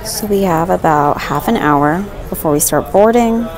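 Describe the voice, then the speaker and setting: A young woman talks to her vlog in a slightly low voice with plenty of fry. She is informal and rambling, often poking fun at herself. There is noticeable ambient noise behind her. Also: animated, normal speed, a little mellow. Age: young adult. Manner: rambling, self-deprecating, informal. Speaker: vlogger. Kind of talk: casual vlog chat to camera. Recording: noisy handheld vlog with background ambience.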